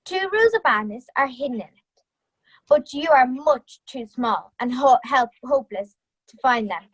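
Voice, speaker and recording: A woman's voice: high voice, lively intonation, moderate pace, slightly rough, rough recording. A woman voicing a grumpy, bullying older male wolf with a menacing, scornful, growling manner in a youth theatre storybook reading.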